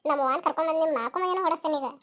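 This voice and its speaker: A woman's voice: high-pitched, very fast, a bit bright. Woman doing a whiny, sulky little village girl. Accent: North Karnataka Kannada. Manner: whiny, complaining.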